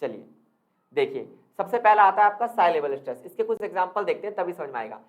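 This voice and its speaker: This man talks fast, his high voice swinging widely in pitch. He's tutoring for an exam in an explanatory lecture, calling viewers friends, constantly asking them questions he then answers, and using English terms along the way.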